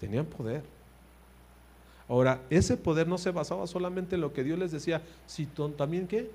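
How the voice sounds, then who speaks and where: A man preaching a sermon, animated, swinging between loud emphasis and quiet asides and putting direct questions to his listeners. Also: a little high, normal speed, husky.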